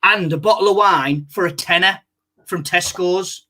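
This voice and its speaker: A young man co-hosting a casual chat show, telling sweary anecdotes and laughing at himself. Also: high voice. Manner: animated storyteller, quick to laugh at himself. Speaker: co-host.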